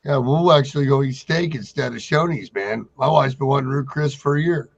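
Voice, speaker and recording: A man's voice: medium pitch, fairly quick, gravelly. A man co-hosting a trucking talk show in casual banter, rambling and blunt, with heavy swearing. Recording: dull lo-fi audio.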